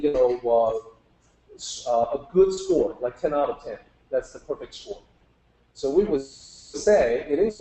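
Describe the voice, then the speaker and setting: The speaker is a man with a fairly high, warm voice. Giving a casual public lecture on Chinese characters in an echoing hall, he explains patiently step by step and asks the group questions.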